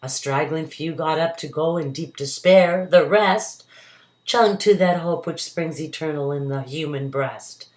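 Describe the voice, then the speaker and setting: Indoors at home, a woman reads a verse story aloud to children, dramatic and emphatic, acting out character voices. Her voice is deep, unhurried and a little mellow, and the recording is roomy and echoey.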